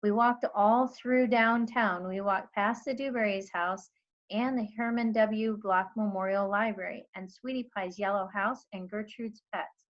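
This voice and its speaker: A woman's voice: medium pitch, steady tone, a little slow. Woman reading a story, slightly dull sound. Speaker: teacher reading aloud. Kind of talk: expressive storybook narration.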